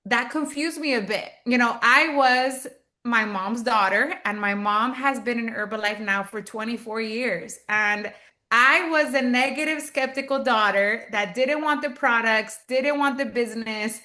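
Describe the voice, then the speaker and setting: A business owner in her thirties from Texas appears as a guest in a casual video-call interview, telling her story in a chatty, upbeat way with lots of fillers. Her voice is a little high and a little slow, with a sharp tone.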